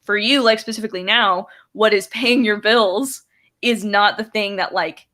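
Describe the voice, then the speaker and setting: A woman's voice: mid-range voice, steady tone, moderate pace, pushed and bright. A woman guest on a livestream, chatting casually and hedging her points with many fillers.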